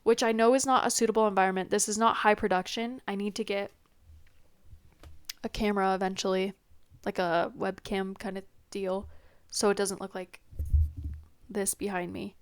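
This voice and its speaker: A young woman delivers her first podcast in a flat, medium-pitched voice that is clear and resonant, at a moderate pace with no echo. Recording on her laptop's built-in mic with a stuffed nose, she rambles casually and runs herself down in a scattered way.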